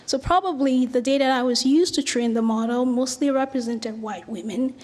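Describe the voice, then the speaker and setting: A woman's voice: high-pitched, moderate pace, darkish tone. A middle-aged woman from Cameroon, giving an earnest academic lecture with slides and small restarts. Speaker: researcher giving a talk.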